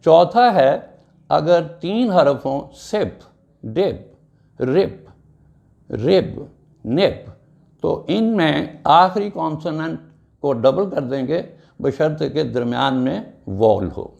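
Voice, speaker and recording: A man teaching an English grammar lesson, spelling out words letter by letter in a slow, deliberate way. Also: a little high, big pitch swings, gravelly, a little mellow.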